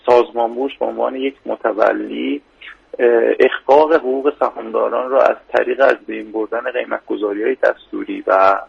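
A man answering as a financial expert in a formal radio interview, measured and stopping often for hesitation fillers. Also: mid-range voice, steady tone, creaky, slightly rough, muffled recording.

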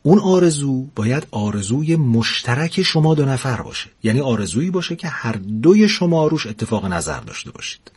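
A man voicing a gentle young winged angel woman in a storybook reading, soft and calm. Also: mid-range voice, hardly any pauses, husky, pitched above the performer's own voice.

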